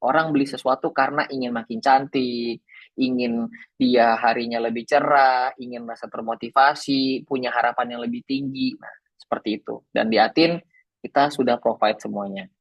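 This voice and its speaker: A man's voice: medium pitch, moderate pace, gravelly, no room sound, dull audio. A man giving a marketing webinar, talking in a playful, teasing way with chatty asides. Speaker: webinar sales trainer. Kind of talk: joking marketing webinar talk.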